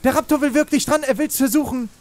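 Ein Mann, der aufgeregt ein Spiel kommentiert, in Panik ruft und fleht und viel Jugendslang benutzt. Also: male voice, very high-pitched, fast talker. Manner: excitable, shouts and pleads in panic, youth slang. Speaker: let's play host. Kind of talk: excited gaming commentary.

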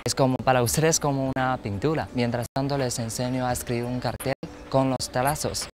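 A young man in his twenties from China with a Chinese accent, a Mandarin teaching assistant speaking Spanish as a second language. He talks carefully and haltingly, pausing to search for words. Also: mid-range voice, steady tone. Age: 20s. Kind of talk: interview answers. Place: outdoors on a university campus.

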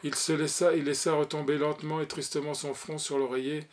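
Expressive French man reading a story. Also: a little high, fairly quick. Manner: expressive, voices the characters' lines. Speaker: reader of a short story. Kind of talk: audiobook narration.

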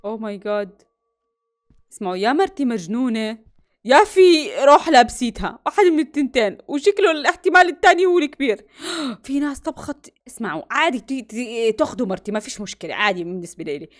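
Jumpy high-voiced woman gamer. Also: big pitch swings, quick pace. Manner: jumpy, gasping, swinging from muttering to yelps. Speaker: gaming YouTuber. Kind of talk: horror game let's play commentary.

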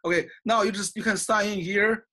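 A middle-aged Chinese professor records an online lecture on a webcam at his desk in a small bookshelf-lined office, gesturing and relying on "okay?" and frequent "uh" fillers. He has a Chinese accent and a high, sharp voice with fairly even intonation, speaking a little fast.

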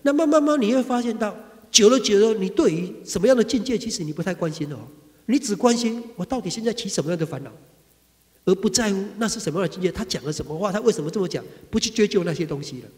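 A man with a Taiwanese Mandarin accent giving a Buddhist sutra lecture, talking conversationally and acting out everyday quarrels. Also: quick pace. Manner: animated, acts out quarrels with sudden high bursts. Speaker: Buddhist dharma teacher. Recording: reverberant hall.

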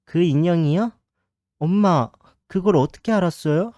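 A man's voice: on the high side, moderate pace, mellow, dry recording, studio quality, natural voice. A man reading the game lines of a frightened young child who begs his parents to stop. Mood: anxious.

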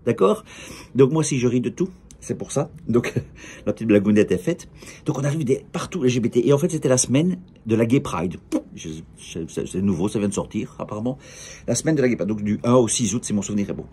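A man's voice: lowish voice, dark tone, breathy edge. A middle-aged man with a Belgian French accent, chatting in a rambling, jokey way, vlogging from an outdoor café terrace. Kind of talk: casual direct-to-camera monologue.

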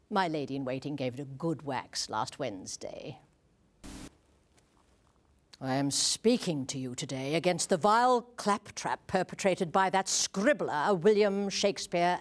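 A woman voicing a haughty, crude old queen, delivering a pompous comic royal address. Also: medium pitch. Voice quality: pompous, drawn-out regal delivery with sudden swoops. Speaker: advertising a play.

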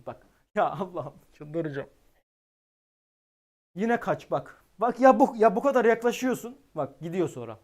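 A man giving live-stream weather commentary, excitable and exasperated, talking directly to his chat. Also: high-pitched.

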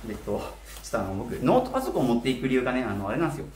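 Casual male vlogger, twenties, animated intonation, slightly slurred from wearing a mouthguard-style aligner, echoey room. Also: mid-range voice, rapid-fire. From Kitakyushu, Japan. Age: 20s. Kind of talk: casual talk to camera. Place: small bare apartment room, indoors. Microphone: camera a short distance away. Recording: roomy echo with faint noise.

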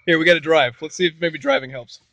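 A man's voice: fairly high pitch, quick pace, a bit bright, dry recording, highs cut off. A man laughing and teasing his in-law while filming him take a hot pepper challenge. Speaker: channel host filming the challenge. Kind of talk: casual chat.

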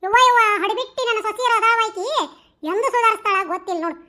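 A woman's voice: extremely high pitch, fast talker, sharp tone. A woman voicing a scolding, gossipy village mother-in-law with a North Karnataka accent. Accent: North Karnataka Kannada.

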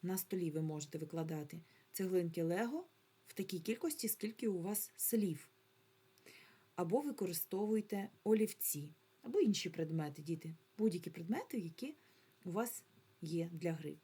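A woman's voice: lowish voice, lively intonation, mellow, breathy edge. A woman teaching a remote lesson to young children, drawing out sounds and syllables patiently, with a Ukrainian accent. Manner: slow, drawn-out syllables, patient, coaxing. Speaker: primary school teacher.

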